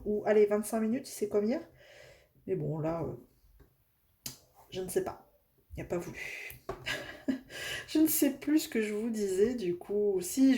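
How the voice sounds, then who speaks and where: Chatty Northern French woman, mellow voice. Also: medium pitch. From northern France. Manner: chatty, many fillers and restarts. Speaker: craft vlogger. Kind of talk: casual chat while crafting. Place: at home.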